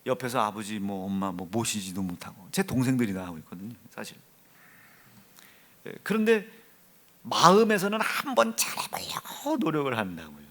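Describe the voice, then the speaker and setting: A middle-aged male pastor from Chungcheong with a Chungcheong accent, preaching a sermon in an animated storytelling way that swings from hushed asides to loud exclaiming. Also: lowish voice, normal speed. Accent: Chungcheong Korean. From Chungcheong, South Korea.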